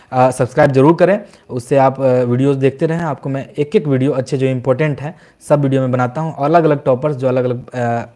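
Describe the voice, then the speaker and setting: Mellow-voiced young man hosting a live Q&A. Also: mid-range voice. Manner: chatty, mixes English phrases into Hindi, reads out viewer comments. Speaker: exam coach answering viewer questions. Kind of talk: casual live-stream Q&A.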